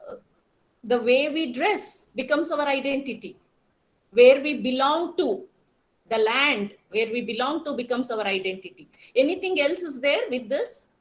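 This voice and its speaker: A woman lecturer speaks in a fairly high voice with a strong South Indian accent. She teaches interactively online, working through explanations in a halting way and often turning to her students with questions. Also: expressive. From Karnataka, South India. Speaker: college teacher.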